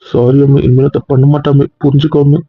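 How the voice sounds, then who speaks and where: A man's voice: medium pitch, little pitch movement, fast talker, husky, no echo, phone-quality sound, close to an everyday voice. A man playing a clingy young husband who pleads and gets defensive. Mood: pleading. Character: clingy young husband, whiny when scolded.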